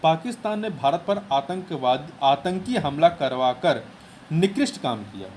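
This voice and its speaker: Exam tutor, male, high-pitched, methodical and repetitive delivery, faint noise under the voice. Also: lively intonation, measured pace, a little mellow. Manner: explains step by step, repeats key words, plain teaching tone. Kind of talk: exam answer explanation lesson.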